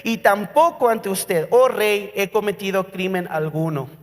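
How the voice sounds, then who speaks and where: A calm, steadfast prophet answers a king with solemn earnestness, as a Mexican preacher puts him on. The high voice rings in a long-echoing church hall. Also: a little slow. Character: faithful young male prophet, calm and firm.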